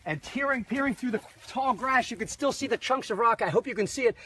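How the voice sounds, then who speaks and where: A man's voice: very high-pitched, a little fast, pushed and bright, slightly rough, rough recording. A man giving an enthusiastic, conversational walking tour outdoors on a battlefield, streamed live on a phone. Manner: enthusiastic, conversational, lots of "you know". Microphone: phone livestream.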